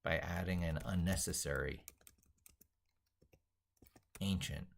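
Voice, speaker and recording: Drafting an opinionated tech article aloud, a male tech educator and video creator stops and starts, repeats himself, and reshapes his wording to hammer his points. He has a deep, gravelly voice.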